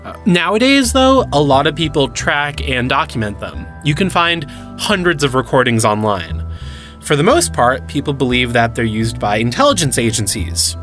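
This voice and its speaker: A man's voice: mid-range voice, sing-song, normal speed, a bit bright, soft background music. An actor playing an enthusiastic young male cryptid hunter who explains things eagerly in an audio drama. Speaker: lead character.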